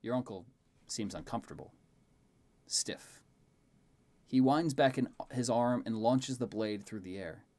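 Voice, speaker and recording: A man's voice: mid-range voice, moderate pace, mellow. A man narrating a tabletop fantasy game as game master.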